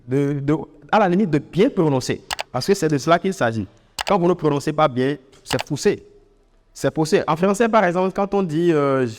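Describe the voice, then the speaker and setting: A man with an African French accent giving an informal spoken lesson as a teacher. He talks in an animated way, with many fillers and repeated words. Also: on the high side, long reverb tail, a little hiss or hum. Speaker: English teacher.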